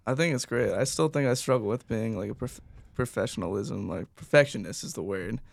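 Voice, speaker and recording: A young adult man who works as a personal trainer answers interview questions a bit fast, in a fairly low voice with vocal fry. He comes across as earnest and agreeable, saying "yeah" a lot.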